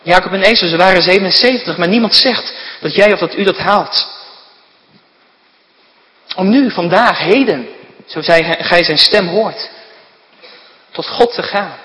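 A man's voice: sits high, measured pace, pauses often, bright, forceful tone. A man preaching a sermon to his congregation, earnest and urging, with repeated direct calls to his listeners. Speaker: pastor. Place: church. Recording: church hall reverb.

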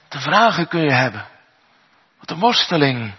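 A man's voice: a little high, sing-song, normal speed, breathy edge. A man preaching a sermon as a pastor, earnest and full of rhetorical questions, in a church. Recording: echoey hall, dull sound.

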